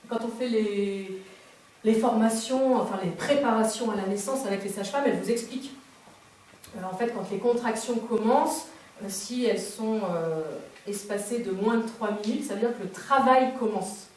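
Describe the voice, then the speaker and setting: A woman performing a storytelling stage monologue, lively and self-mocking, acting out sounds and cries. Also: a little high, moderate pace, slight background noise. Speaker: performer of a political stage lecture. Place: theatre stage before an audience. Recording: distant, echoey stage recording.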